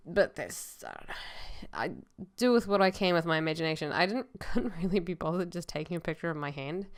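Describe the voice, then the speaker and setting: Woman, slightly low voice, very clear, stuffy choked-up cold, casual drawing commentary, hesitant and rambling. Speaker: vlog host.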